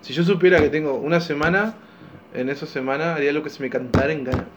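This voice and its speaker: A man's voice: on the high side, quick pace, heavy background noise. A young man with a Rioplatense Spanish accent co-hosting a casual podcast, joking around, laughing often and playfully exaggerating. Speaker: podcast co-host. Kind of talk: casual chat.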